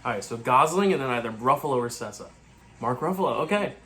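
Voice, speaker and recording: A man hosting a movie channel, giving live reaction commentary in short, excitable bursts. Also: mid-range voice, fast talker.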